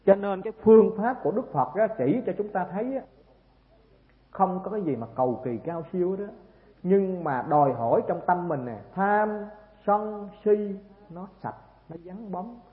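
A Southern Vietnamese man gives a Buddhist sermon in a fairly high, lively voice that rises and falls as he tells the story. He keeps pulling the listeners in with rhetorical questions. The sound is thin and phone-like, with a long echo from a large hall. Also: normal speed. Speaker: Buddhist preacher. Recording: tinny, echoey hall recording.

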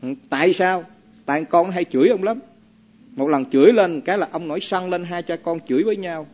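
A man's voice: high voice, fairly quick, a little mellow, muffled recording. A man, a Buddhist monk giving a folksy dharma talk full of stories and asking his listeners to agree. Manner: folksy, asks the audience for agreement. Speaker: Buddhist monk teaching lay followers.

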